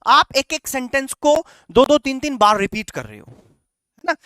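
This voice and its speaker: A man's voice: very high-pitched, a little slow, bright, forceful tone, no room sound, clean studio sound. A man coaching students in a lecture, mixing English phrases into his Hindi, calling them "beta" and checking in with "right?" after each point. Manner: instructive, repeats "right?" and "चलेगा" to check in; calls the students "बेटा". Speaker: coaching teacher. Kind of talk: classroom lecture.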